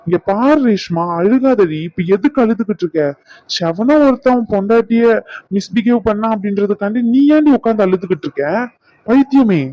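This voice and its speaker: A man's voice: high-pitched, expressive, fairly quick, few pauses, dry recording. An actor playing a caring younger brother who reassures his sister and scolds her fondly. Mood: scolding fondly. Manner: reassuring, warm-hearted teasing, affectionate scolding. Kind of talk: family drama acting. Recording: dull dry sound.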